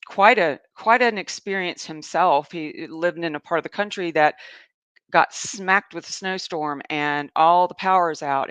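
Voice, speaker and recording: A woman with a low-pitched, slightly bright voice and a Southern US accent hosts a live show from her Asheville home. An animal communicator, she rambles chattily through a personal story, laughs a lot, and reads out viewer comments. The recording is clean and dry.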